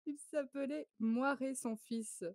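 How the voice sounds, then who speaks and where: A woman's voice: high-pitched, steady tone, slow pace, darkish tone, no room sound, clean studio sound. Chatty woman hosting a stream quiz. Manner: chatty, laughs often, greets chat viewers. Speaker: quiz host on a live stream. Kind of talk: casual live-stream quiz chat.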